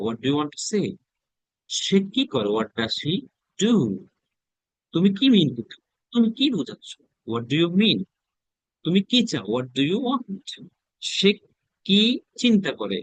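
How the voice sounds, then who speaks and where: A man from Bangladesh teaching spoken English, reading English sentences slowly and then translating each into Bengali. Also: on the high side, no room sound, poor audio.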